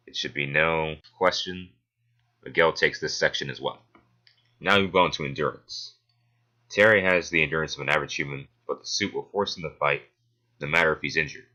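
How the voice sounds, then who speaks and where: Very deep-voiced man, bright forceful edge. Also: lo-fi sound. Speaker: video essayist debunking a versus match-up. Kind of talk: scripted analytical commentary with casual asides.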